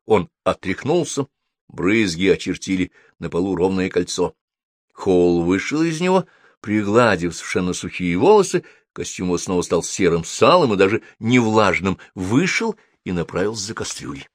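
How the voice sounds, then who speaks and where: A man narrating a storybook with an expressive, dramatic reading. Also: sits low, moderate pace, dry recording, clean studio sound. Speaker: audiobook narrator.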